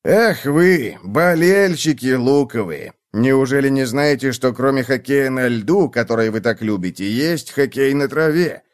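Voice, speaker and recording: A jovial old hamster gnome, voiced by a man in a children's storybook. He lectures in a hearty, lively tone that rises and falls. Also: mid-range voice, a little slow, hardly any pauses, close to an everyday voice.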